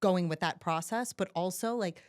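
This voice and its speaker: Young woman telling an animated story. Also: on the low side, moderate pace, smooth. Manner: animated, swears freely, acts out quotes. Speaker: podcast guest, new mother. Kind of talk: casual chat, storytelling.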